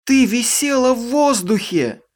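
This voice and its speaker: A frantic teenage girl, her voice pitched high and strained, swinging from begging to shrill shrieks, as a male audiobook narrator puts her on. A storybook figure read aloud, desperate and unheard. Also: normal speed, natural voice. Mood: shrieking. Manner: shrill, pleading, near hysterical.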